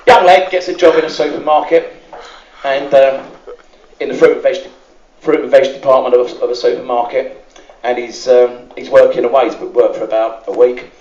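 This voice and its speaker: A man's voice: medium pitch, fairly even intonation, moderate pace, darkish tone, slight background noise. A man telling stand-up jokes in a chatty way, full of "and, um" fillers and asides to the crowd, in a cruise ship lounge. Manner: chatty, many "and, um" fillers, asks the crowd "isn't it". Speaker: stand-up comedian. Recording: roomy, muffled lounge recording from far off.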